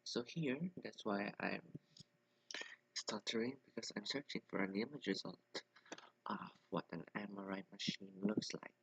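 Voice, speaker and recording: A young man giving an informal lesson, halting with many restarts and fillers while he explains. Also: on the low side, creaky, a bit bright, husky, no room sound, low-quality recording.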